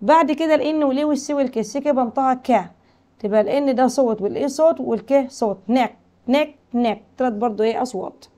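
A woman teacher with an Egyptian Arabic accent who explains a school English lesson, reading English lines slowly and translating them with questions to her pupils. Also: high-pitched, warm tone.

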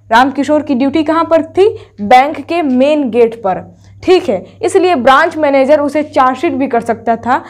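In an online class, a high-voiced woman teacher explains a story chapter, repeating each point and posing rhetorical questions to herself. She talks straight to her students and tells them to take screenshots.

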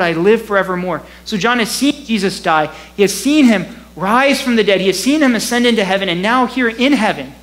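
A man with a rather high voice delivers a sermon from the pulpit. He talks in a loose, conversational way, chuckling now and then. There's a faint hum under his voice. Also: rough recording. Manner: conversational, animated, laughs often. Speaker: pastor. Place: church.

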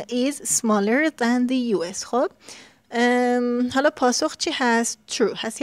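A woman's voice: fairly high pitch, dry recording. A woman teaching an English grammar lesson, explaining patiently with frequent hesitations and reading English examples aloud.

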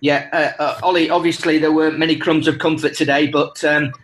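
Guy reporter on a remote line, lots of ums, flat voice, faint hiss. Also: on the high side, poor audio. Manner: halting, many fillers. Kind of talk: press conference question. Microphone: remote call.

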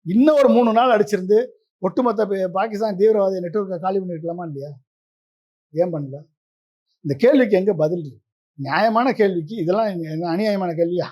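A man's voice: high-pitched, fairly quick, mellow. A man giving a political interview as the guest, pressing his case with a stream of combative rhetorical questions.

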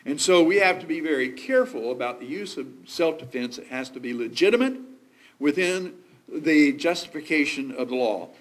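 High-voiced man preaching at a pulpit microphone. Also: animated, rough recording. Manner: measured, explains scripture point by point. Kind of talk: sermon.

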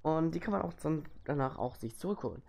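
A man's voice: on the high side, animated, quick pace, vocal fry, a little mellow. A young man giving casual let's play commentary in an informal, slangy way. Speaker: let's player.

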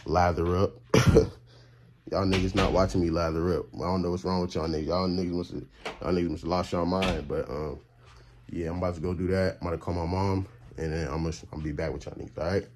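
This college student vlogger and streamer, an eighteen-year-old man from Texas, chats loosely to viewers through a phone camera that's propped up or held at arm's length. He speaks quickly in a low, level, slightly mellow voice, rambling with slang and plenty of fillers while addressing chat. The setting is a small indoor bedroom and bathroom, with a bit of hiss or hum.

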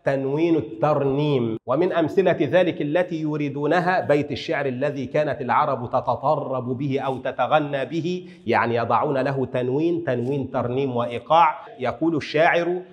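A man giving a lecture on grammar, explaining patiently and reciting verse slowly, with colloquial asides. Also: mid-range voice, muffled recording. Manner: explanatory, recites poetry slowly, mixes formal Arabic with Egyptian colloquial asides. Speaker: Arabic language lecturer. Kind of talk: classroom-style lecture on grammar. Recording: echoey hall with long reverb.

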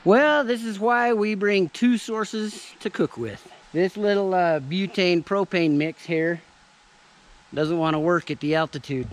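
Out in a forest clearing, a vlogger in his thirties casually shows off camping gear, chatting to viewers as "you guys" in a relaxed way. His voice sits high and unhurried, recorded by a tripod-mounted camera and a handheld selfie camera.

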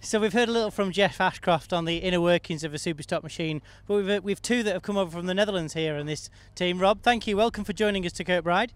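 A man's voice: high voice, fast talker, hardly any pauses, clean tone. A man working as an interviewer outdoors at an event, asking questions informally into a handheld microphone.

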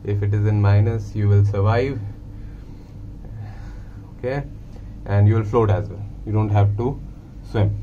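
A young man talks through a casual guided tour on his handheld phone, explaining each part in a plain, matter-of-fact way. His voice sits low, and the dull, muffled recording carries a steady hum from machinery behind him. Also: a little slow, pauses often. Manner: explains plainly, mixing Hindi and English. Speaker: merchant navy officer vlogger. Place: inside a ship's lifeboat.

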